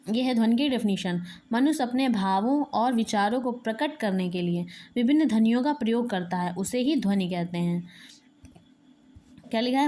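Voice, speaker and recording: A woman's voice: on the high side, darkish tone. A woman teacher giving an exam-prep lecture, reading each point aloud and then explaining it again in plain words.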